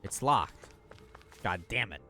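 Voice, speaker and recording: A man's voice: fairly low pitch, lively intonation, takes it slowly, bright, forceful tone. A man giving casual playthrough commentary as a gaming streamer, with game music behind him. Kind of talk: casual playthrough commentary, reading dialogue aloud.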